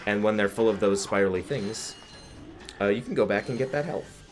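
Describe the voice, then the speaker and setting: A man's voice: on the low side, normal speed. A man hosting a casual gaming commentary, chatty and explaining the game as he plays. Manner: chatty, explains game mechanics, laughs a lot. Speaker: let's play host.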